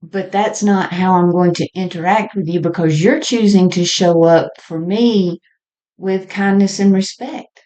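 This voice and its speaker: Alone on her podcast, a woman with a low, warm voice talks through her spiritual ideas without a script. Her pace is very slow and reflective, and she halts often, thoughts trailing off before the next one begins.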